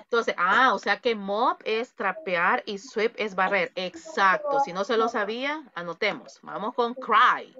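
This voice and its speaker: A woman's voice: mid-range voice, animated, unhurried, sharp tone. A woman teaching an English vocabulary class over a video call, explaining patiently and drilling words with playful asides. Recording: dull lo-fi video call audio.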